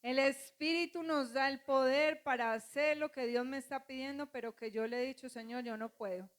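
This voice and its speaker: A woman's voice: high voice, steady tone, normal speed. A woman pastor preaching a sermon, calling on the congregation to repeat after her and acting out quoted voices.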